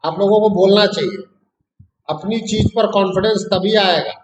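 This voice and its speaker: High-voiced man teaching math. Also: normal speed, background noise. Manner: coaxing, calls students beta. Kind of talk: online math lesson.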